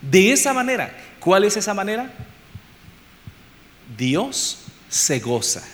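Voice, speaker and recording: A man preaching an expository sermon to his congregation, repeating phrases for emphasis and swinging between loud and soft. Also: sits high, sing-song, slow pace. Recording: long reverb, faint background noise.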